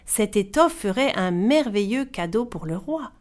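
A woman's voice: mid-range voice, lively intonation, unhurried, lightly acted. A woman reading as an admiring royal treasurer. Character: king's richly dressed treasurer, admiring man.

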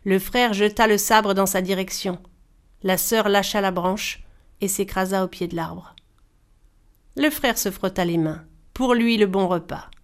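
A woman storyteller reading a folktale aloud in a measured, expressive style. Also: mid-range voice. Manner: measured, animated voices for characters.

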